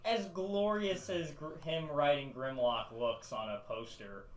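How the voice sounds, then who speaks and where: A man's voice: a little high, unhurried, over a noisy crowd. A man co-hosting a casual movie podcast, talking in a wry, sarcastic way. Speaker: podcast co-host. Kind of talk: casual chat. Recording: echoey room.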